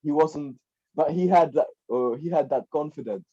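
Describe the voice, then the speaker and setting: His voice is a little high, husky, and mellow, at a moderate pace: a young Czech man guesting as a life coach on a podcast, rambling casually with repeated words and plenty of "like" and "right?". The sound is dull and lo-fi.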